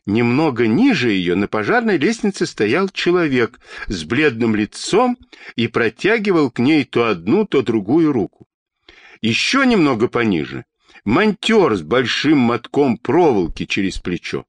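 A male storyteller reads a children's tale expressively. His voice rises and falls dramatically, and the recording is dry, with no room sound. His pitch sits in the middle. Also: measured pace, no room sound. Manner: expressive, animated reading. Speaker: narrator. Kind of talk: storybook reading.

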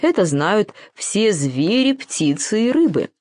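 A woman's voice: mid-range voice, sing-song, slow, a little mellow, no room sound, clean studio sound, voice pushed up. A woman voicing a big, composed male spider who speaks as the stately head of the house. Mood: measured.

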